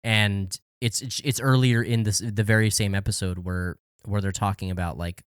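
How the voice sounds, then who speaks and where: Low-voiced man talking casually, dry sound. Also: little pitch movement, moderate pace, clear, resonant tone, no room sound. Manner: casual and earnest, with frequent restarts. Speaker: podcast co-host. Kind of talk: casual podcast discussion.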